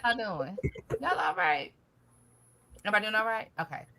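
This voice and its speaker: A woman's voice: medium pitch, animated, a little fast. A woman co-hosting a casual live gardening chat, greeting viewers and talking easily with "y'all". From Michigan. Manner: chatty, warm greetings with Southern-style "y'all".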